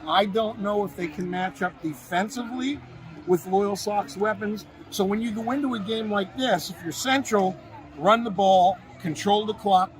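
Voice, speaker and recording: High-voiced man hosting a football show. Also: poor audio. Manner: conversational, analytical. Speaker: sports show host. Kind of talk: high school football preview and interview.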